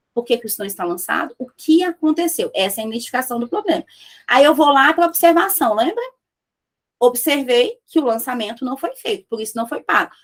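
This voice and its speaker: High-voiced woman teaching business. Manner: lively, talks to the audience directly, acts out dialogues. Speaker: business mentor. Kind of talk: business lesson.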